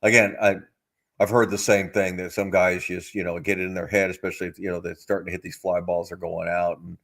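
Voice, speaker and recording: A middle-aged man with a deep, low-pitched voice co-hosts a casual baseball talk show. He speaks in a measured, thoughtful way, hedging and filling pauses with "you know" as he works through his point. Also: level tone, creaky, fairly bright tone. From United States. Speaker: co-host of a baseball podcast. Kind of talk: casual sports chat.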